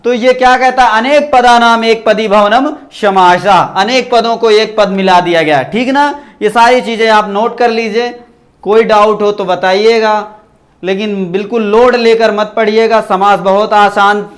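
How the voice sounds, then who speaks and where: A Sanskrit teacher with a high, steady voice leads an online grammar class at a slightly slow pace. He repeats each point and often checks in with his students by asking "ठीक ना."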